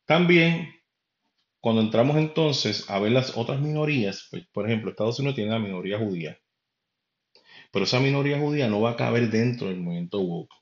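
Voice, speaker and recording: Animated and brisk at medium pitch, this male podcast host from Puerto Rico rambles through his opinions in a conversational monologue aimed at the listener. He has a Puerto Rican Spanish accent, and the recording is roomy, dull and lo-fi.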